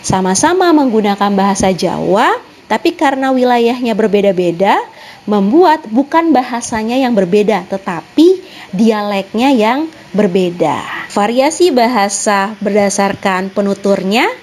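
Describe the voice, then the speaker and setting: A woman's voice: medium pitch, expressive, a little slow, a little mellow. A young woman teacher giving an online lesson, explaining step by step with many examples.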